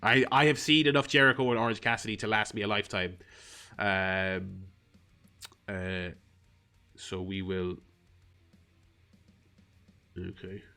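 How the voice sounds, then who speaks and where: A man's voice: lowish voice, level tone, measured pace, pauses often, sharp tone, clear, resonant tone, soft background music. A man streaming a mobile game, reading its tutorial text aloud and adding wry, rambling asides with lots of fillers. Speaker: gaming streamer.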